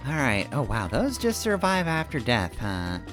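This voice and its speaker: Over video game music, a man talks through his play session, offering loose, rambling live commentary as ideas come to him. His medium-pitched voice swoops wildly up and down at an ordinary pace.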